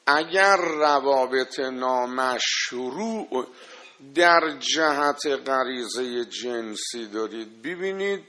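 A male preacher delivers a sermon with a forceful, bright voice, retelling a story with drama and acting out the dialogue. He turns to his listeners with emphatic lists of warnings, pressing each point home. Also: mid-range voice, animated.

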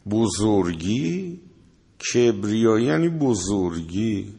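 A man's voice: fairly low pitch, very animated, gravelly, dark tone, husky. A man preaching a sermon, scolding his listeners with rhetorical questions and quoting Arabic verses. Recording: long hall reverb.

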